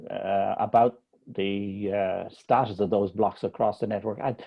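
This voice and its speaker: A man hosting a video call, asking a guest a halting question with many uhs. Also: lowish voice, fairly even intonation, vocal fry, muffled recording. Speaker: host. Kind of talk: hesitant questioning.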